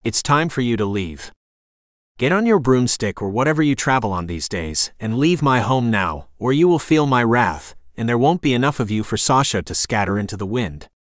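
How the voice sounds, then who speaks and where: A man's voice: medium pitch, animated, moderate pace, no echo, clean studio sound, close to an everyday voice. A man reading the lines of a proud, menacing male vampire in an audiobook, in a threatening manner.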